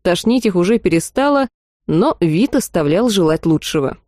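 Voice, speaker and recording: Lady reading a fantasy audiobook, wry and lively, warm dark tone, dry close sound. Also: fairly low pitch, moderate pace, no echo. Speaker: audiobook narrator. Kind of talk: first-person fantasy audiobook narration.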